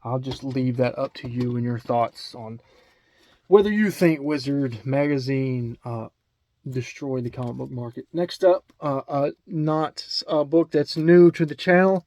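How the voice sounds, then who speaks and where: In a casual video chat, a man with an Alabama accent rambles about his comic book collection. His mid-range voice is dark and unhurried, with many ums and restarts.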